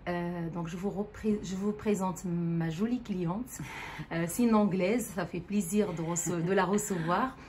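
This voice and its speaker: A woman's voice: lowish voice, a little slow, a little mellow, slight background noise. A woman beautician giving a casual on-camera demonstration in a salon treatment room. She speaks with enthusiasm, repeats her praise and explains the aftercare steps. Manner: enthusiastic, repetitive praise, instructive. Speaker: microblading beautician.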